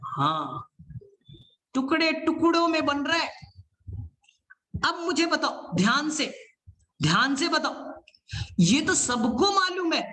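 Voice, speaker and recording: Man, biology teacher, online class lecture, high-pitched voice, energetic, repeats himself, fires questions at students. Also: slow pace, pauses often.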